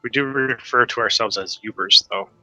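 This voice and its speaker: Bright, dry-voiced man from Upper Michigan. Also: mid-range voice, moderate pace, no echo, faint music behind, rough recording. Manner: easygoing, heavy use of "like". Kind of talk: casual chat while gaming.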